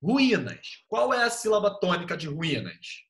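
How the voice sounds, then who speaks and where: A man's voice: sits high, wildly swooping pitch, a little slow, fairly bright tone. A young male teacher giving an online class over a computer mic, explaining step by step in a patient, casual way with easygoing slang.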